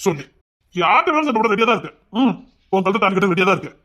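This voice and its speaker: A man's voice: high voice, very animated, racing, bright, forceful tone, heavily acted. An actor playing a hot-tempered young husband who scolds his wife harshly, in a serial-style drama. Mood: angry.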